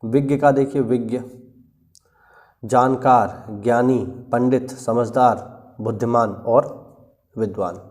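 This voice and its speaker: A male teacher giving an exam-prep lesson, working slowly through lists of words and often clearing his throat. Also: mid-range voice, steady tone, darkish tone. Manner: slow, deliberate listing with frequent "ठीक है" check-ins.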